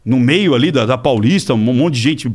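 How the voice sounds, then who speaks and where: A middle-aged man with a Brazilian accent, a podcast guest telling a story in a casual, animated way, acting out the people he quotes and swearing freely. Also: medium pitch, moderate pace. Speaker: podcast guest, body-language specialist.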